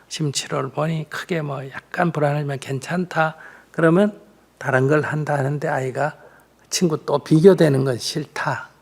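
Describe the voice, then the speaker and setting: A man's voice: on the high side, creaky. An older man, a monk, giving frank, plain-spoken advice in a live question-and-answer talk, often acting out a mother's words.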